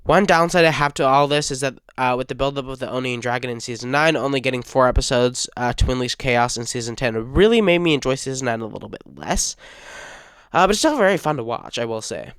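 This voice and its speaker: Rambling young man, smooth dry voice. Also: mid-range voice, lively intonation, quick pace, a bit bright, no room sound. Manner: rambling, hesitant with frequent uh fillers. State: sick, stuttering. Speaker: fan channel host. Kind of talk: casual fan review talk.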